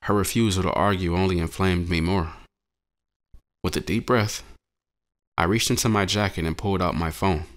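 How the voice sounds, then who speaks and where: Very deep-voiced man narrating a story. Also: steady tone, normal speed, pauses often. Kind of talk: first-person story narration.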